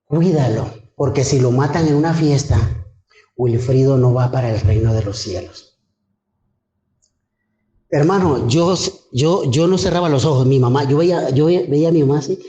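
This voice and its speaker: Fervent pastor preaching. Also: male voice, on the high side, dark tone, reverberant. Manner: fervent storytelling, addresses the congregation as brothers. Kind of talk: sermon with personal testimony.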